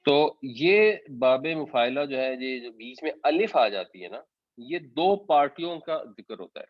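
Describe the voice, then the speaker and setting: A man gives a patient, explanatory religious lesson at an ordinary middle pitch, dropping in English words as he goes. The recording is dry, with no room sound, and a little dull and muffled. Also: expressive, no room sound. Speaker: Quran teacher.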